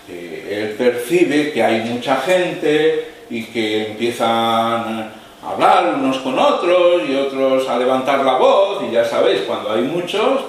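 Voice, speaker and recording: A man preaches slowly in a fairly high voice, dropping to near-whispers before rising to loud, raised lines. The sound is very echoey, as if in a large hall, picked up a distance with faint noise behind. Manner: slow, dramatic preaching that swings from hushed to raised voice. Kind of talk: sermon.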